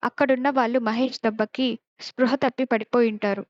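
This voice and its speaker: A woman's voice: a little high, steady tone, brisk, no room sound, dull audio. A woman retelling a TV episode as a story and reading out the characters' lines plainly. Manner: plain retelling that reads out the characters' lines without acting them. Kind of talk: casual retelling narration with quoted dialogue.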